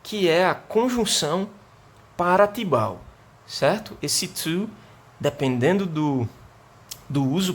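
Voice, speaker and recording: A man's voice: on the high side, a little hiss or hum. A male teacher from Brazil with a Northeastern Brazilian accent, giving a remote lesson and explaining step by step, often checking in with the class. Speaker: English teacher.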